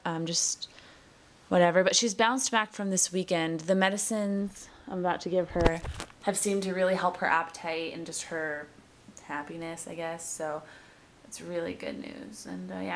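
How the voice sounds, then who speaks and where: A young woman talking casually in a vlog, chatty and giggly. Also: on the low side. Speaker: vlogger. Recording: faint hiss.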